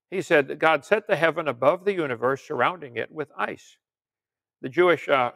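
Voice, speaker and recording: A man's voice: on the high side, creaky, fairly bright tone. An older man giving an informal teaching sermon, reading out articles and viewer questions with folksy joking asides. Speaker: preacher and creationist lecturer.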